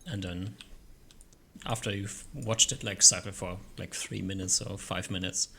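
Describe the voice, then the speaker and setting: A man runs a tabletop game in a lowish voice with plenty of creak. He narrates casually and haltingly, thinking aloud, with faint noise behind him. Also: fairly even intonation, sharp tone. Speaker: game master.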